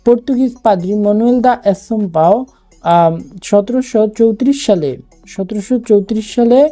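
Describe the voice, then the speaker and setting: Female tutor, very dark mellow tone, patient step-by-step exam-prep explainer, soft music underneath. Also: mid-range voice, moderate pace. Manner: explains step by step with fillers and repeats. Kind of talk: online exam-prep lesson.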